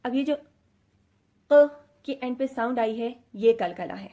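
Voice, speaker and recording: A woman's voice: fairly high pitch, dark tone. A woman teaching a Quran reading lesson, explaining patiently step by step and sounding out letters, with English words mixed into her Urdu. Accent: Pakistani Urdu. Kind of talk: explanatory lesson, addressing students.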